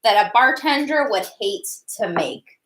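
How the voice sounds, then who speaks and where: A woman's voice: mid-range voice, expressive, measured pace, fairly bright tone. A woman hosting a casual live cooking stream, chatty and giggly, reading viewer questions aloud. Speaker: cooking show host. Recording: roomy kitchen echo, faint noise.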